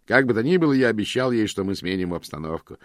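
A man voicing a cheerful, slightly awkward middle-aged husband who chats brightly. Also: fairly low pitch, lively intonation, quick pace, no room sound, clean studio sound, close to an everyday voice. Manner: cheerful, chatty.

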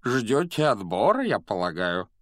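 A man's voice: lowish voice, sing-song, measured pace, a bit bright, dry recording, clean studio sound. A man voicing a jolly, friendly fat friar ghost who speaks in a beaming, cheerful way in an audiobook.

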